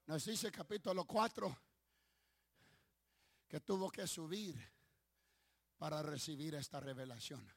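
A male pastor preaching with fervor, calling the congregation to applaud and retelling stories with many restarts. His voice is high and bright, with a heavy gravelly creak and a husky edge. The delivery is slow and deliberate. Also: no room sound, studio quality. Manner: fervent, calls for applause; storytelling with restarts. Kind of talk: sermon.

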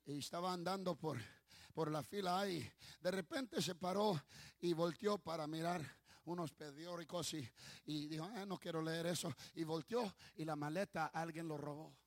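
A man's voice: fairly high pitch, no room sound, clean studio sound. A man preaching as pastor of his ministry, fervent, calling for applause and telling stories with many restarts. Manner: storytelling with restarts. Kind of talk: sermon.

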